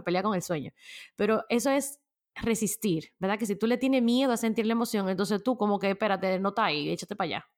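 A woman talks through a casual self-help podcast episode. Her delivery is chatty and loose, full of slang and quick laughs. Her pitch sits in a middle range for a woman. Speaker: podcast host.

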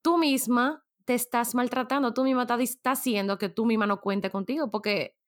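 A woman's voice: a little high, fairly even intonation, brisk. A woman giving a casual motivational talk, conversational and full of rhetorical questions aimed at the listener. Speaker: motivational speaker.

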